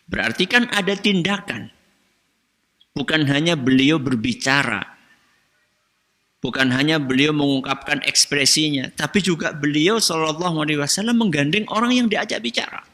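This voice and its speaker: A man preaches in a religious study lecture, his voice slightly high and piercingly bright. He quizzes his listeners and answers his own questions in a teaching rhythm. Long reverb from a large hall trails every phrase. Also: normal speed. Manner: asks the audience questions, then answers them himself. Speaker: Islamic preacher.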